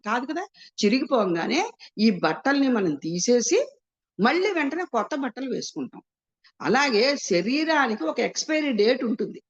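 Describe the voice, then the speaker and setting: A woman explaining scripture, asking and answering her own rhetorical questions and mixing English words into her speech. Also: fairly high pitch. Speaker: spiritual teacher. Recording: muffled lo-fi sound.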